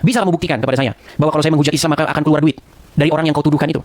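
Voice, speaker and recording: A man delivers a rapid-fire rebuke straight to camera, repeating the name of the person he is scolding. His voice sits high and his pitch keeps climbing as he presses each point. The sound is dry and close, with no room echo. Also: steady tone, darkish tone.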